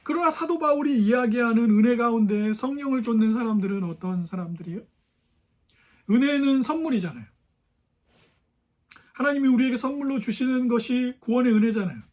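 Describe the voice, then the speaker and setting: High-voiced man preaching a conversational sermon. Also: lively intonation, fairly quick, a little mellow. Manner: conversational preaching with many rhetorical questions to the congregation. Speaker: pastor. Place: church sanctuary.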